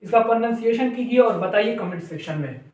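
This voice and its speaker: A fairly high-voiced man teaches a phonics lesson, spelling each word slowly and loudly, letter by letter, before he says it. He puts questions to his viewers and then answers them himself. His voice comes from a distance in a very echoey room. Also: lively intonation. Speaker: English teacher.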